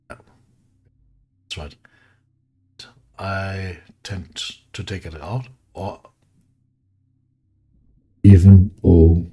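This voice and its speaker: Deep-voiced German-accented gaming host. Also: male voice, breathy edge. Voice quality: very deep, soothing voice. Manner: rambling, self-correcting, chuckles to himself. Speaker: let's play host. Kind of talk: casual gameplay commentary. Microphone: desk mic with equalizer.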